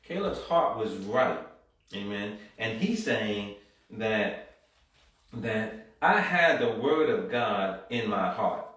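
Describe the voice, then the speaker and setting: A preacher's voice, on the low side and a bit bright, moves slowly yet animatedly as he reads scripture and rises into fervent exhortation. Amens and call-and-response fill the church hall, recorded from a distance with heavy echo.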